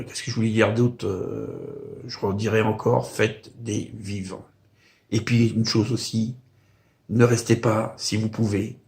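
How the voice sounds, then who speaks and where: A low, creaky voice belongs to an older Parisian man vlogging to camera from his home in the countryside. His monologue is casual and rambling, hesitant and peppered with "euh" and "hein."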